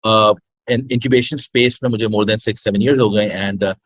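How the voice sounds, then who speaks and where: A man with a Pakistani accent gives conversational interview answers in a fairly low voice. He pauses and searches for words, moving between two languages. The sound is very dry, with little room to it. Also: fairly even intonation, no room sound. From Pakistan, born in Hyderabad, grew up in Karachi. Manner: hesitant, code-switches between English and Urdu. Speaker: interview guest, startup incubator project director.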